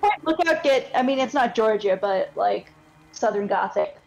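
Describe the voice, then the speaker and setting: A woman's voice: on the high side, lively intonation, moderate pace, a little mellow, dull audio, faint music behind. A woman chatting casually and colloquially on a game stream. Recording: clear background noise.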